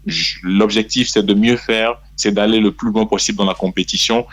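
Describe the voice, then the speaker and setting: A man, a press officer and newspaper head, answering a radio interview in a measured, hesitant way, calling in from abroad over the phone. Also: fairly low pitch, fairly even intonation, a bit bright, dry recording. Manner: measured, hesitant, many "euh" fillers. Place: abroad, away from the studio.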